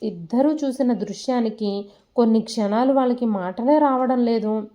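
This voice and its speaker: A woman telling a scripted emotional family story as a storyteller, reading in a steady, emotive way. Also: fairly high pitch, moderate pace, dull audio.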